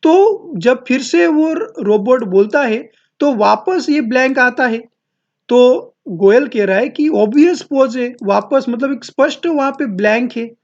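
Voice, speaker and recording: Slow, careful Hindi-speaking male teacher. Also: very high voice, lively intonation. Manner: reads English lines slowly, then explains each phrase in Hindi. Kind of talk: explaining an English text in Hindi. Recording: dull lo-fi audio.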